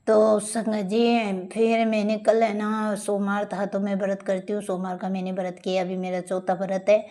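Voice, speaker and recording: A woman's voice: mid-range voice, flat delivery, moderate pace, mellow. A middle-aged woman giving an earnest devotional testimony and spoken prayer, pleading and repeating her address to the guru.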